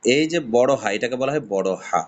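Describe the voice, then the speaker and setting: A man's voice: medium pitch, animated, a little fast, dull audio. A man teaching a beginner's lesson on pronouncing Arabic letters, patiently explaining and drawing out each sound. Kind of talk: step-by-step pronunciation lesson.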